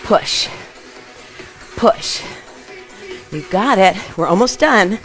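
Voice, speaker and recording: A woman's voice: mid-range voice, expressive, extremely slow. A middle-aged woman aerobics instructor calling out short, punchy, encouraging workout cues as she exercises. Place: open living room at home, indoors. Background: music.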